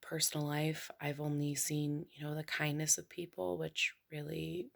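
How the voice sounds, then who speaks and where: A young woman talking quietly to her viewers at home in the early morning, half whispering and rambling with many fillers. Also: sits low, little pitch movement, moderate pace, vocal fry. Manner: hushed, half whispering so as not to wake someone. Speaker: vlogger. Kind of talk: casual hushed chat to camera.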